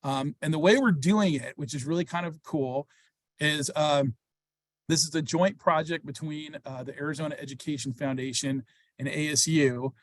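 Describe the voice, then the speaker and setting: A man's voice: a little high, dry recording. Upbeat man hosting a webinar. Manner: fast, upbeat, many fillers. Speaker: program host. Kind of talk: webinar presentation.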